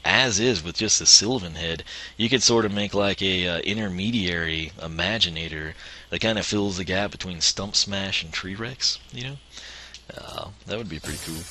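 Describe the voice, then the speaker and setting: Guy streaming a game, low pitch, kinda hoarse from losing his voice, chatty and laughing a lot. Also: moderate pace, bright, forceful tone, a little hiss or hum. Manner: chatty, rambling, chuckles often. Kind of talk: casual let's-play commentary.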